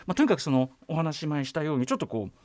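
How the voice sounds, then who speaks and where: A male radio host chatting casually at a quick clip. His pitch moves in a very lively way, and he speaks emphatically, often groping for the right word mid-sentence. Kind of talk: casual conversational radio talk.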